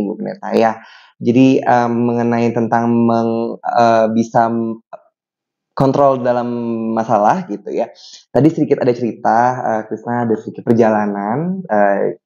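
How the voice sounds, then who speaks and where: A man's voice: medium pitch, mellow. A young man hosting a church podcast, chatty, telling a story with many fillers. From Bali, Indonesia. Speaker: podcast host. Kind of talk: casual chat. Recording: dull lo-fi podcast audio.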